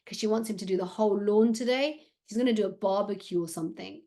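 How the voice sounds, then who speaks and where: A woman reading aloud, voicing a quiet, thoughtful schoolboy in a subdued way. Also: medium pitch, fast, close to an everyday voice.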